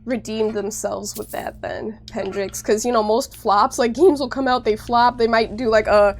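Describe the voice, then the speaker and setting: This streamer's voice is on the high side with fairly even intonation and a moderate pace. Sounding blocked up with a cold, she chats casually with viewers over her gameplay, using "like" constantly and addressing them directly.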